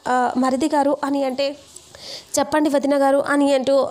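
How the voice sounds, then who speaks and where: A woman's voice: high voice, flat delivery, normal speed, darkish tone. A woman casually retelling a TV serial episode, quoting each character's lines in her own voice. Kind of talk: casual spoken plot retelling.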